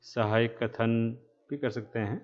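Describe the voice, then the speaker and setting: A man lecturing trainee teachers, speaking slowly and repeating key terms, with frequent checks that the class is following. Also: medium pitch, fairly even intonation, highs cut off. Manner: asks "है ना?" to check understanding.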